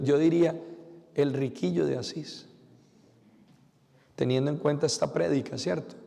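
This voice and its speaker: Priest, lively homily; gravelly, slightly high voice, church reverb. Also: male voice. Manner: lively preaching with acted-out quotes.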